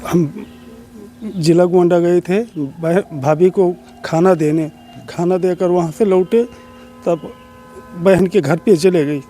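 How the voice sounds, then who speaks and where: A man's voice: sits high, fairly even intonation, slow pace, warm tone, soft background music. A middle-aged man tells a reporter about his case, tearful and pleading. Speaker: complainant.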